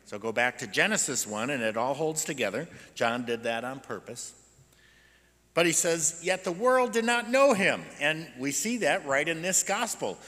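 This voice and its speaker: An American pastor in his sixties preaches from a church pulpit into a gooseneck microphone, his voice on the high side at a moderate pace. His sermon is conversational and explanatory, animated and packed with rhetorical questions, echoing through a reverberant sanctuary.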